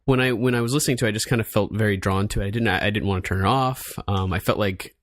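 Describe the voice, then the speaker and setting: A man co-hosting a music review podcast who speaks haltingly and searches for his words. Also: lowish voice. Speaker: podcast co-host. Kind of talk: casual music review chat.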